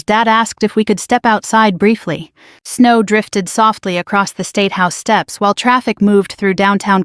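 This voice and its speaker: A woman narrating a first-person story in a measured, quietly dramatic manner. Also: on the low side, clear, resonant tone, no room sound, clean studio sound.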